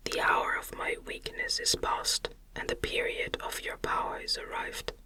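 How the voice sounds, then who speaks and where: A narrator whispers as a gothic story's wretched, vengeful male monster, the ASMR delivery smothered and breathy, the language archaic, grandiose and menacing. It comes out unhurried, with a bright, forceful tone, and sounds threatening and commanding.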